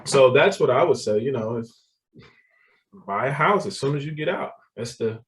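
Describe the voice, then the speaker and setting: A man's voice: mid-range voice, lively intonation, moderate pace, recorded from a distance, background noise. A man, telling his story as a guest in a casual interview, laughing often and repeating words. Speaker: guest, real estate developer.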